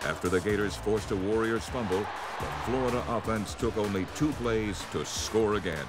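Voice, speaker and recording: A man reading scripted narration for a sports season highlight film. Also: normal speed. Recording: loud music under the narration. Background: loud music.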